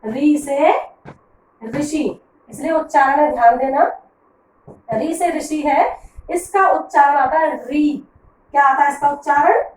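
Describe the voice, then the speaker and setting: A woman's voice: sits high, roomy sound, recorded from a distance, a little hiss or hum, poor audio. A woman teacher explaining grammar to pupils, patiently asking questions and answering them herself. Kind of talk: classroom grammar lesson.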